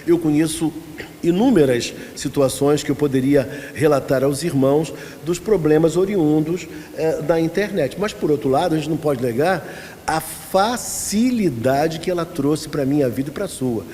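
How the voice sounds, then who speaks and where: A Brazilian man leads a church lesson as its pastor, talking conversationally, asking the room questions and telling little stories. His voice sits a bit high yet sounds mellow. It rings out in a reverberant church hall with a faint hiss underneath. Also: normal speed. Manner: asks the congregation questions and tells anecdotes. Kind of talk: conversational Bible-study lesson.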